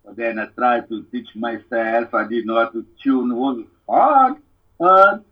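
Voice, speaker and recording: Man, husky voice, earnest storyteller, distant dull call audio. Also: medium pitch, lively intonation, measured pace. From Democratic Republic of Congo. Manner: earnest, plain-spoken storyteller. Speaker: musician guest. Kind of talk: casual interview storytelling. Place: home living room. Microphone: remote call.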